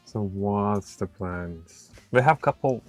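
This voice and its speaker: A young man chatting casually as a vlog co-host, relaxed and joking. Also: lowish voice, slow pace, faint music behind. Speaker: vlogger co-host. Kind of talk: casual chat.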